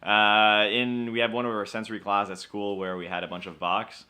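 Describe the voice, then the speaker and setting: A man's voice: on the low side, little pitch movement, normal speed, pushed and bright. A young man co-hosting a casual beer chat, explaining history with wry humor. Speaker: co-host of a beer show.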